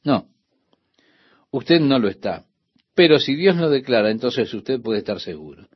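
A man's voice: mid-range voice, big pitch swings, a little slow, breathy edge, highs cut off. A man giving an earnest radio Bible teaching, speaking straight to the listener. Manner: earnest, addresses the listener directly.

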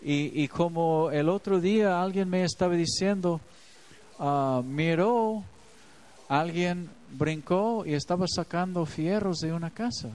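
A man's voice: fairly high pitch, unhurried, darkish tone, low-quality recording. A man giving a devotional Bible reflection, earnest and personal, speaking in a confessional way. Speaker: preacher.

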